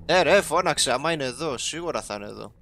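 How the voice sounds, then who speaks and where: A young man giving casual, excitable let's-play commentary as a gaming YouTuber, talking straight to his viewers. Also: a little high, vocal fry, slight background noise. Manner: excitable, talks to viewers, sprinkles English game terms.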